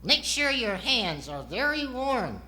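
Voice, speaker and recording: Squeaky boy ventriloquist dummy, cheeky and naive, bright, swooping delivery for stage comedy. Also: big pitch swings, slow, heavily acted, rough recording. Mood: earnest, cheeky. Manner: cheeky, naive comic answers.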